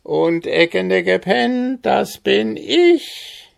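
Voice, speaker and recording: A man's voice: high-pitched, slow pace, creaky, darkish tone, voice pushed up, heavily acted. A man voicing a small, spiteful male goblin with a quacking, squawky voice and a mocking, sing-song way of talking in an audiobook. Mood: gleeful. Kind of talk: audiobook character voice.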